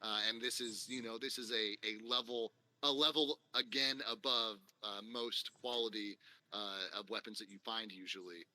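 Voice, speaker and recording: Man, dungeon master, tabletop game narration, bright voice, rambling with fillers. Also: fairly low pitch, steady tone, normal speed, no room sound.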